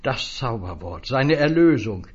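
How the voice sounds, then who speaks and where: A man voicing a gruff, grumbling male businessman in a low, husky voice for a read story. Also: sing-song, a little slow, dull audio.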